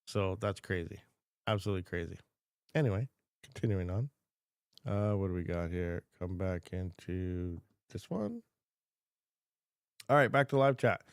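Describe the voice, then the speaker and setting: A man's voice: sits low, lively intonation, measured pace, long pauses, clean tone, dry recording, clean studio sound. A man hosting a casual livestream Q&A, rambling and reading chat questions aloud from a home desk. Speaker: crypto mining channel host.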